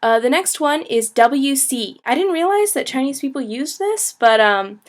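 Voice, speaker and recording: A woman's voice: high-pitched, animated, moderate pace. Chatty woman teaching basic phrases. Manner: chatty, laughing, with many ums and likes. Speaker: language teacher and travel blogger. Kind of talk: casual video lesson.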